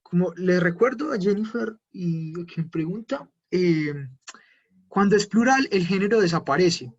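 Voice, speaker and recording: Slightly slow and expressive, a man with a fairly high, husky voice teaches German in a live online session. He patiently covers each point and responds to viewers' questions as they appear. The recording sounds dull and lo-fi, like a computer mic.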